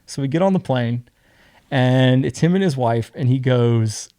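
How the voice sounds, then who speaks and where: A young man telling a story casually as a podcast guest, acting out other people's lines in an animated way. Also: mid-range voice, measured pace, smooth, no room sound, studio quality.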